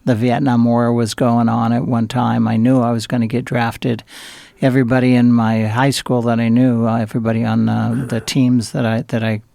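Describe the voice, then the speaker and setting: A man's voice: mid-range voice, level tone, moderate pace, gravelly, warm tone, dry recording. An older man from Southern California, a guest in an interview, telling rambling stories with many fillers and restarts. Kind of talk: interview storytelling.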